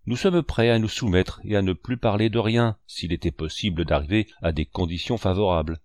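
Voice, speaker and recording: A man's voice: lowish voice, a little fast, a little mellow, dry recording, studio quality, natural voice. A man voicing a sly one-legged pirate cook who speaks with ingratiating, false courtesy in an audiobook reading. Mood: courteous.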